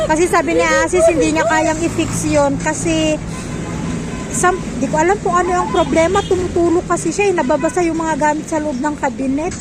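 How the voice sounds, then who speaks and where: A woman's voice: high voice, heavy background noise. A woman chatting casually in a family vlog, narrating her errands and talking to her child while out at a market. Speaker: vlogger. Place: outdoor market.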